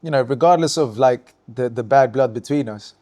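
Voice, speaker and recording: A man with a mellow, dark voice recounts old dance battles in a relaxed interview. He talks in bursts and restarts, often says "you know" and "right?", and sometimes acts out lines from the story in a higher, louder voice. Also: moderate pace. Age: adult, looking back on youth. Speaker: guest, breakdancer.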